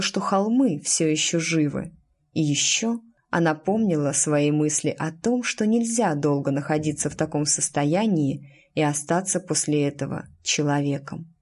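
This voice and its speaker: A woman narrating a storybook in an expressive, storytelling manner. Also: low-pitched, normal speed, breathy edge. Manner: expressive storytelling with lively intonation. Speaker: audiobook narrator. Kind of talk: scripted narration.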